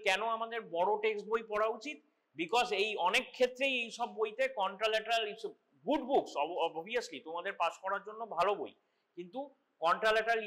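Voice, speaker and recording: A man's voice: sits high, sharp tone. A man giving an anatomy lecture to medical students in a classroom, explaining step by step and mixing in English terms. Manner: explanatory, mixes English terms, frequent restarts.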